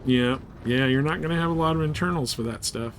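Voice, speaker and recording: A live streamer chats casually and informally while playing a video game, laid-back throughout. His voice is on the high side and brisk, with a little hiss or hum in the background.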